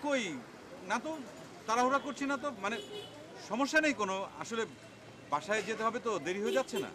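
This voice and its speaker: A man's voice: very high-pitched, expressive, a crowd in the background. An actor playing a nervous, fussy young man on a date in a comic TV drama. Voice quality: hurried, hesitant.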